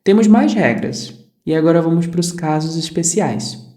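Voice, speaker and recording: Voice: medium pitch, normal speed, dark tone, soft background music. An English teacher, patiently explaining grammar in a recorded lesson, repeating examples and checking in with the listener. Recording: echoey room.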